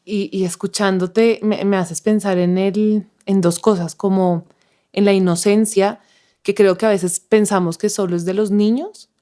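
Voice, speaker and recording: A woman interview host with a mellow, warm tone. She reflects on what her guest has said in a thoughtful, unhurried way. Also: mid-range voice, fairly even intonation. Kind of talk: conversational interview.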